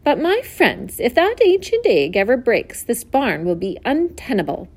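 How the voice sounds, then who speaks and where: A woman voicing a wise, gentle female spider who speaks politely and formally in a storybook reading. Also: a little high, wildly swooping pitch, breathy edge, pitched above the performer's own voice, heavily acted. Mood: gracious. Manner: polite, measured, formal speech.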